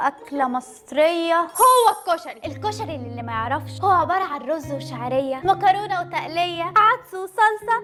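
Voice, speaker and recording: A woman's voice: very high-pitched, fairly bright tone. A young woman with an Egyptian accent, chatting playfully through a cooking vlog and putting on other dialects. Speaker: cooking vlogger. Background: faint background music.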